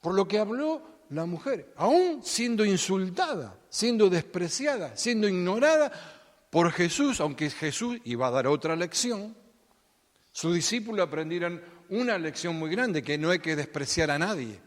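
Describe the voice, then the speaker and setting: Pastor preaching in a reverberant hall. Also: male voice, high voice, very animated, measured pace. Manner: dramatic, acts out Bible voices, swings loud and soft. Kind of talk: sermon.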